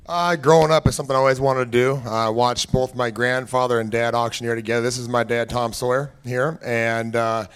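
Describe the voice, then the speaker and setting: A young man from Washington State, an auctioneering student, who talks plainly about himself and calls bids in a fast rhythmic chant. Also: mid-range voice, fairly even intonation, clean tone. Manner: rapid rhythmic chant while calling bids. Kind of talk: auction bid calling.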